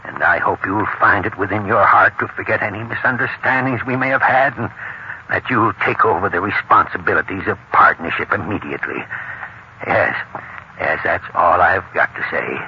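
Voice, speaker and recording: An actor playing a stiff, repentant old businessman who speaks haltingly, in old-time radio acting. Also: sits low, muffled recording. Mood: contrite. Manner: hesitant, halting. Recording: scratchy old radio recording.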